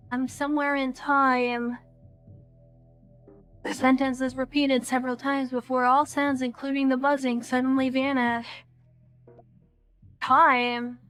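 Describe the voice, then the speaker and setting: A woman streaming a video game, reading its text aloud in an even, measured way with brief comments of her own. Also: high voice. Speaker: let's play streamer.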